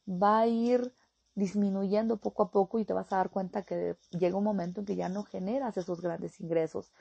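A woman delivers a motivational coaching talk, often checking in with short rhetorical questions. Her voice is gravelly and husky, with a mellow, dark tone. The sound is dry and close. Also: mid-range voice, steady tone, moderate pace, no room sound, highs cut off. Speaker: life coach.

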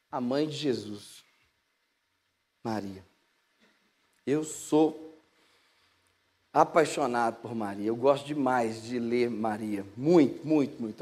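A man with a Brazilian Portuguese accent preaching a sermon in a lively, casual way, acting out dialogue and swinging between loud bursts and hushed asides. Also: on the high side.

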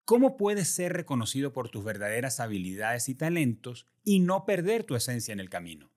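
A man's voice: mid-range voice, big pitch swings, fairly quick, a little mellow. Courteous male podcast host. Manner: polished, courteous introductions. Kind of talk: podcast interview hosting.

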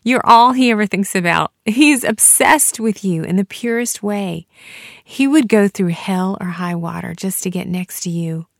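A woman hosting a solo devotional podcast, talking in a heartfelt, earnest way with soft laughs. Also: medium pitch, measured pace, vocal fry, no room sound, studio quality. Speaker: podcast host.

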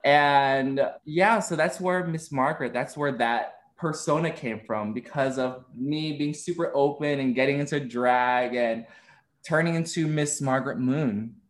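A man's voice: medium pitch, moderate pace. A young man in his twenties, talking openly and chattily as an interview guest and laughing often. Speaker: content creator being interviewed. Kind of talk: casual interview chat.

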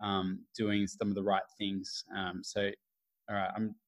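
A man's voice: sits low, completely flat delivery, a little slow. A man hosting a podcast and chatting casually, hesitant and full of ums. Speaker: podcast host. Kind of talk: casual chat.

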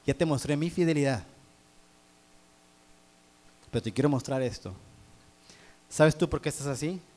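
A man voicing God as a calm, searching, fatherly spirit, in a low hushed voice. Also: moderate pace, close to an everyday voice. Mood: solemn.

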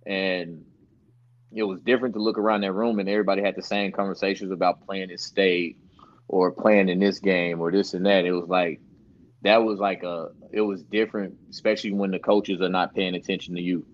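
A young man, a basketball trainer, telling a story in a relaxed and slangy way as a podcast guest. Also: sits low, brisk. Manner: laid-back, slangy, laughs while telling stories. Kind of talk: casual storytelling interview. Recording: dull lo-fi sound.

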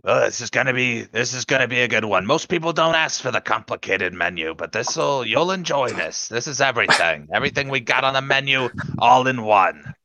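A man voicing a gruff male lizard-folk tavern server, eager and hospitable, over slightly muffled call audio. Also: mid-range voice, expressive, brisk, few pauses, bright, forceful tone, no echo, pitched above the performer's own voice. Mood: proud.

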